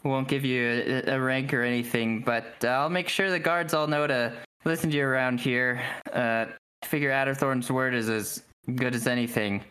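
A man voicing a weary older criminal who acts as a mentor, with a slow, folksy drawl. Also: medium pitch, steady tone, sharp tone, smooth, natural voice, low-quality recording.

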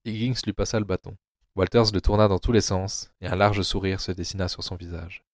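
A man narrating an audio drama adaptation of a novel in a low, steady storytelling voice. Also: a little fast, no echo, studio quality.

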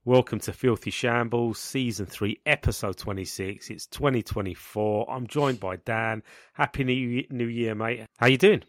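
A man with a gravelly, coughy voice from being sick, hosting a casual football chat and often stumbling and repeating his words. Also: mid-range voice, normal speed, few pauses, no room sound, clean studio sound. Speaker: football podcast host.

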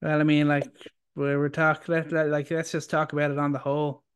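A man's voice: fairly high pitch, monotone, fairly quick, clean tone. A man co-hosting a casual basketball podcast, stumbling over his openings and then stating firm opinions. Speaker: podcast co-host. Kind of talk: casual sports talk.

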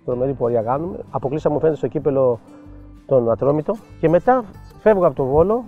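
A middle-aged man from Piraeus, a former football coach, telling animated stories as an interview guest and acting out what people said to him. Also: a little high, phone-quality sound, faint music behind. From Piraeus, Greece. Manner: animated anecdotes, acts out quoted dialogue. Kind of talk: storytelling interview.

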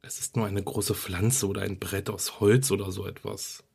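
A man's voice: sits low, little pitch movement, moderate pace, gravelly, darkish tone, slightly rough, exaggerated voice. A male narrator reading the lines of a casual, teasing young male friend in a horror story.

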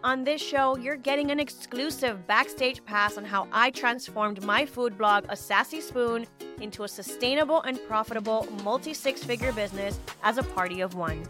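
A woman's voice: fairly high pitch, moderate pace, music in the background. A woman host delivering a scripted, upbeat, promotional introduction to a podcast.

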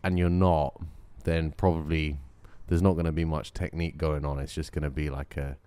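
A man's voice: very deep voice, level tone, normal speed, mellow, clear, resonant tone, no echo. A man chatting casually as a podcast co-host, with a dry, joking, understated manner. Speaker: podcast co-host and jiu-jitsu practitioner. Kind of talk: casual chat.

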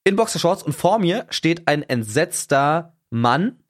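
Young guy rambling thru a funny story, kinda high voice, swears a lot. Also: measured pace. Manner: animated, swears freely, mimics sounds. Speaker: podcast co-host. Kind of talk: casual storytelling chat.

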